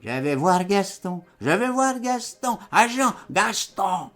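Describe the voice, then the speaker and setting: A man's voice: high voice, big pitch swings, slow, fairly bright tone, pitched above the performer's own voice, heavily acted. A man reading aloud voices a frantic shell-shocked old war veteran who shrieks for help. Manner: shrieking calls.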